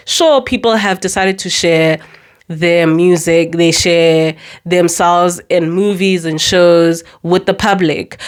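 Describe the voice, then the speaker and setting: Young woman chatting about books, lowish voice, emphatic, kinda sarcastic, repeats stuff for stress. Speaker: book reviewer. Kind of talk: casual book review vlog.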